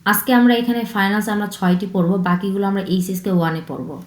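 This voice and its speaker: Woman teaching in an echoey room. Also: medium pitch. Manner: slow, repeats each sound three times; mixes English words into her explanations. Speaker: Chinese language teacher. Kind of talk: online language lesson.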